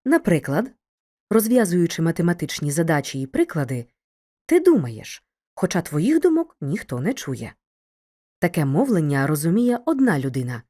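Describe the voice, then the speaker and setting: Woman, low voice, mellow tone, scripted lesson narration, measured and clear. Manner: clear, measured delivery addressing a student. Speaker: teacher narrating a video lesson.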